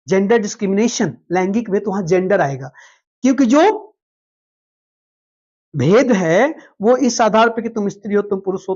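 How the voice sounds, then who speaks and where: A woman's voice: mid-range voice, darkish tone, muffled recording. A woman teaching a classroom lecture, explaining step by step, repeating key terms and checking that students follow.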